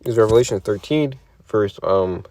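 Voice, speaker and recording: A man's voice: fairly low pitch, moderate pace, a little mellow, no echo. A tired man giving a casual commentary on scripture and the news, swearing a lot and leaning on "okay" and "man" with frequent rhetorical questions. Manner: profane, peppered with "okay" and "man". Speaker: religious commentator.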